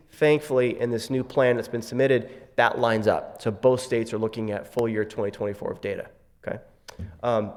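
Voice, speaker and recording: Man presenting in a reverberant hall. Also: mid-range voice. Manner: casual, many fillers and wry asides. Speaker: conference presenter. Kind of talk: conference presentation. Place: conference session room.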